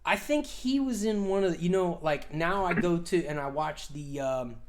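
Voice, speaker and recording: A man's voice: fairly high pitch, moderate pace, a little hiss or hum. A man in his forties co-hosting a casual podcast, rambling with lots of fillers, swearing freely and laughing often. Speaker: podcast co-host.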